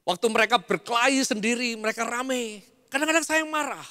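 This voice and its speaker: A middle-aged male pastor preaching an animated sermon, addressing the congregation with asides and emphatic bursts. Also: very high voice, fairly quick. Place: church hall. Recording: long church hall reverb.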